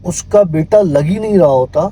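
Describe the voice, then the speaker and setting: A man telling a true horror story in a relaxed conversational way, often dropping into hushed tones. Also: a little high, slight background noise, rough recording. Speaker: guest storyteller.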